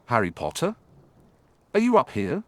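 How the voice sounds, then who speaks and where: A man voicing a falsely friendly adult male dark wizard who calls out in a sing-song, coaxing way. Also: medium pitch, huge pitch swings, moderate pace.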